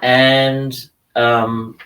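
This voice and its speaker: A man's voice: very slow, soft background music. A man co-hosting a podcast, animatedly retelling TV scenes in casual chat. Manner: animated storyteller, jumps in pitch when retelling scenes. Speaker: podcast co-host. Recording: distant from the mic.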